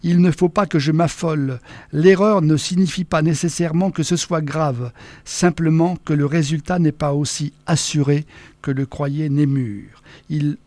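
A man giving a measured, expressive first-person reading of a novel as an audiobook narrator. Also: a little high, dry recording.

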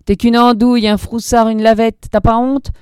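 A woman plays a cruel young gang leader, loud and sneering, his voice lifted well above her own. He scorns and insults his followers. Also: very high-pitched, flat delivery, moderate pace, clean tone, dry recording, clean studio sound, voice pushed up. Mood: scornful.

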